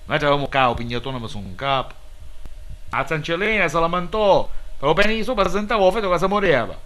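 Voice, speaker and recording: A man's voice: a little high, expressive, fast, fairly bright tone. A man with a Sicilian accent voicing a bossy, exasperated, coarse Sicilian man in a comic dialect dub, emphatic and scolding.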